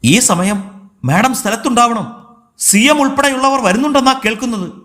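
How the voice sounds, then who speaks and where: Man doing an anxious officer guy, urgent and hurried, high lively voice. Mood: pressing. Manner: urgent, worried.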